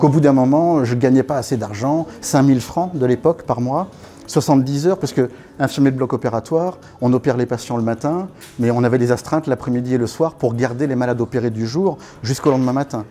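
Medium-pitched and dark in tone, he talks at a quick pace while recounting his life as guest speaker at a networking evening. The man, in his fifties, was born in Congo to French parents and raised in Africa; his anecdotal, casual style includes many fillers and restarts. The audio comes from a far camera in a small meeting room.

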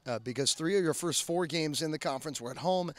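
A man in his thirties holds a handheld mic and asks a coach long, detailed questions after a night game, pausing on "uh" as he goes. His voice sits a little high for a man. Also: no room sound. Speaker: sports interviewer. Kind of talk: postgame interview questions. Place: outdoor soccer field at night under floodlights.

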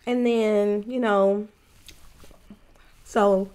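A woman's voice: medium pitch, steady tone, drawn-out words, dark tone, clear, resonant tone. A woman chatting casually to her viewers on a mukbang vlog, biting into food while she talks. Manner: chatty, addresses viewers as y'all. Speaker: mukbang vlogger. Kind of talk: casual chat while eating.

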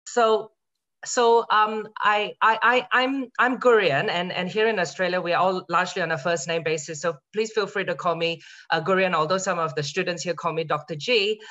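A man's voice: high-pitched, normal speed, bright, forceful tone. A man in his thirties from Singapore, a university lecturer speaking in an online info session, chatty and often restarting his words. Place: home room, indoors, evening. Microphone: video call. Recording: dull lo-fi video call audio.

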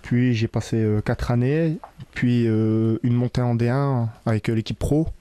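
A young man from France, a football player, answering post-match questions in a locker room, relaxed with many fillers, into a handheld mic. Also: medium pitch, measured pace, clear, resonant tone, dry recording. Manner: relaxed, many filler sounds, loose phrasing. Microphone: interviewer's handheld mic.

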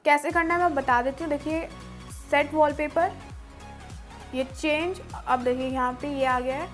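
A woman's voice: high voice, fairly even intonation, normal speed, faint music behind. A young woman hosting a tech video, walking viewers through phone settings step by step in a friendly tone.

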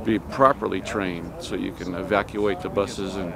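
A man's voice: sits low, fairly even intonation, moderate pace, gravelly. A man from California who works for a school district, giving an earnest, plain-spoken comment outdoors. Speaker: school district staff member. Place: outdoors at a trade show event. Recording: crowd noise outdoors.

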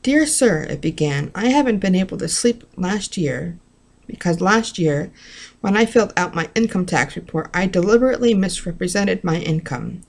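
Young american woman, kinda low voice, reading out loud casually on a webcam at home, candid and self-deprecating. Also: expressive, normal speed. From northern United States. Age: young adult. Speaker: vlogger reading a devotional book aloud. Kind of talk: informal read-aloud with rambling casual asides. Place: small home room, indoors. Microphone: webcam or laptop at arm's length.

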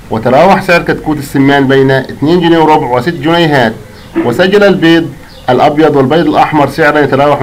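A man with an Egyptian accent, hosting his channel and briskly reading out a long report of market prices, list after list of numbers. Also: mid-range voice, a little hiss or hum, low-quality recording. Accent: Egyptian Arabic. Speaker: channel host.

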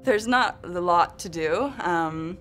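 A young Australian woman with a notably deep voice, chatting in an interview. She is talkative and pokes fun at herself, with faint music under her. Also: takes it slowly, fairly bright tone. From Western Australia. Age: 20s. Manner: chatty, self-mocking. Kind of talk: interview testimony.

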